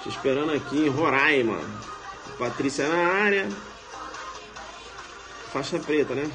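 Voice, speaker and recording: A man with a Brazilian accent, a law professor giving a casual live online lecture in a slangy, playful way, often tagging his sentences with quick questions. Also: a little high, lively intonation, over music.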